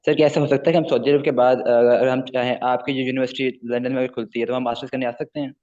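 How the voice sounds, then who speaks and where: A man's voice: mid-range voice, level tone, quick pace, a little mellow. A man calls in with questions, polite and a little hesitant, deferring to the host. His voice comes over a dull, lo-fi line. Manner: polite, hesitant, says sir often. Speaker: caller asking questions. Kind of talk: live Q&A call.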